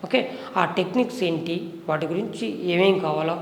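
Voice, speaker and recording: Acting teacher guy, kinda high voice, walks through examples, big roomy echo. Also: fairly quick, slight background noise. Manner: explains with hands-on examples. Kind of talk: classroom lecture on acting. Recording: echoey room with long reverb.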